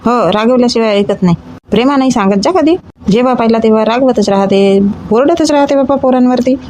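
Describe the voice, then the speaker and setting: A woman acting as a mother in a comedy sketch, gently scolding and reasoning. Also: on the high side, brisk, slight background noise. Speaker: comic actor playing a mother.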